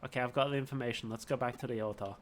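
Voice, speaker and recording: A man's voice: mid-range voice, steady tone, rapid-fire, slight background noise. A man hosting a gaming video, giving casual commentary as he plays. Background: music.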